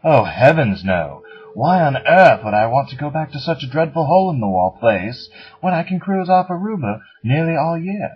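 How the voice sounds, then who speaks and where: A man's voice: fairly high pitch, very animated, normal speed, breathy edge, faint music behind. A man playing a pompous, wealthy playboy in a comedy sketch interview, with haughty, drawling airs. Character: pompous wealthy male playboy, tax-dodging snob. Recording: dull lo-fi recording.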